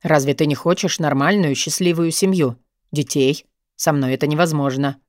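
A woman's voice: a little mellow, no room sound, clean studio sound, close to an everyday voice. A woman doing a weary, brooding dominant man. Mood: weary, firm. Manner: low, measured, tired tone.

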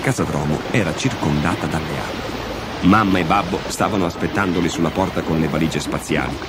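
A man narrating a children's story with an expressive, dramatic reading. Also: rumbling low, a little fast. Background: music.

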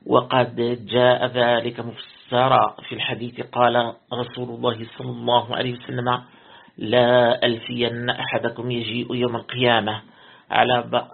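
Flat gravelly sheikh on a tinny recording. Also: male voice, medium pitch. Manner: reads steadily, repeats words to correct himself. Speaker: sheikh reading and explaining a commentary. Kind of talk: recorded religious lesson reading.

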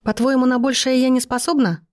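Woman doing a fed-up young woman, defensive, pleading, voice pushed higher, dry sound. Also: fairly even intonation, brisk, a little mellow, no echo, natural voice. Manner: exasperated, pleading.

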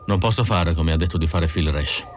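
A man reading an audiobook, voicing a weary, bitter male bounty hunter in a flat, deep voice. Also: brisk, faint music behind, lightly acted. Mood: grim.

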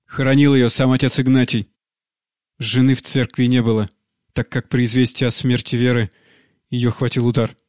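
A man narrating a classic short story as an audiobook, in a measured, even delivery. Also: mid-range voice, no echo, studio quality.

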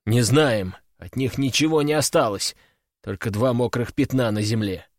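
A man voicing a burly bodyguard thug who reports bluntly and flatly. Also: medium pitch, normal speed, no room sound, studio quality, pitched below the performer's own voice, natural voice.

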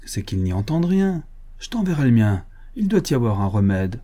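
A man reading an audiobook, voicing a cheerful, generous young prince with a brisk, kindly commanding manner. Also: mid-range voice, sing-song, dark tone. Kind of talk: audiobook character voice.

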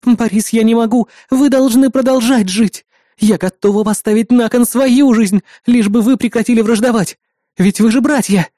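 A woman's voice: on the high side, normal speed, dark tone, no room sound, clean studio sound, lightly acted. A woman voicing a young actress who performs a tearful, pleading heroine in an over-the-top stage drama, in an audiobook. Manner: melodramatic, pleading stage delivery.

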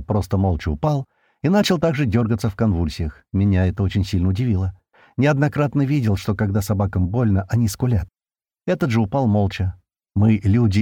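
A man's voice: lowish voice, dark tone, no room sound, clean studio sound. A man narrating a first-person audiobook in a colloquial, slangy way.

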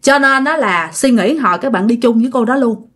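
A woman's voice: a little high, expressive, brisk, fairly bright tone. A woman with a Southern Vietnamese accent telling a ghost story in a chatty way. She talks straight to her listeners and repeats words to build suspense. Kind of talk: casual ghost-story narration.

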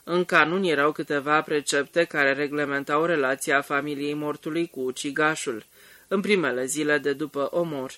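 A man narrating an audiobook in a steady, measured reading. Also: on the high side, no room sound. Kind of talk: scripted narration.

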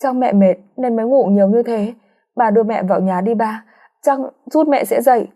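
A woman playing a grieving girl in a storybook reading, pitched high, pleading. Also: moderate pace, darkish tone, natural voice. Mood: distraught. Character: grief-stricken young woman, clinging and pleading.

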